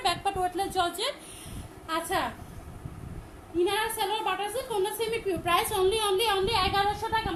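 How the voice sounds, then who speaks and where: A woman with a Bangladeshi Bengali accent, selling dresses on a live stream, talking loudly and repeating her pitch over and over. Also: slight background noise, poor audio. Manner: loud, repetitive sales pitch. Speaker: online shop seller.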